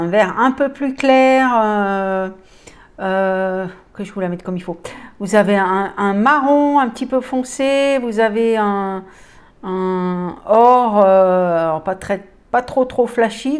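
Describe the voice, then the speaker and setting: A woman casually showing makeup palettes on her channel, hesitant with many fillers and enthusiastic about the colors. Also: mid-range voice. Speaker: beauty vlogger. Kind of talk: casual product haul chat.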